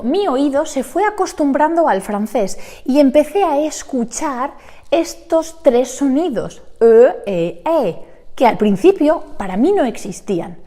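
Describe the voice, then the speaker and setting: A woman's voice: sits high, dark tone. A young woman teaching Spanish pronunciation in an online lesson, animatedly demonstrating sounds aloud.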